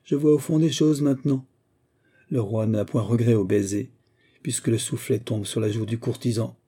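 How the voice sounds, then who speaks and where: A man reads out a young warrior king in a spoken story, loud and imperious. The voice is dark and a little husky, lifted above the reader's own pitch. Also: steady tone, moderate pace, lightly acted. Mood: hearty. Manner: imperious, booming.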